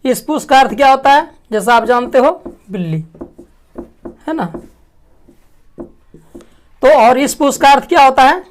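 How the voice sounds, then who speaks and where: A woman teaching a language lesson, asking questions and answering them herself, clearing her throat often. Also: sits high, lively intonation, unhurried, long pauses, a little hiss or hum. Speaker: English teacher. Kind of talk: classroom lesson.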